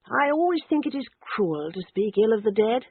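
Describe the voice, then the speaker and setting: A woman's voice: fairly high pitch, very animated, moderate pace, husky, pitched above the performer's own voice, heavily acted. A woman reading a mild, genteel old vicar. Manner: mild, soft-spoken, refined. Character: mild, apologetic older male vicar. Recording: dry, narrowband phone-like audio.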